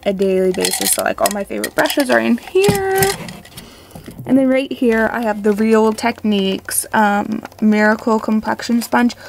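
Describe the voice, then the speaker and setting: Young woman with overbite-appliance speech, creaky voice. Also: mid-range voice, a little hiss or hum. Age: young adult. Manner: slurred, lisping speech from a new overbite appliance in her mouth. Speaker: beauty vlogger. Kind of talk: casual chat to camera. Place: small bedroom at home.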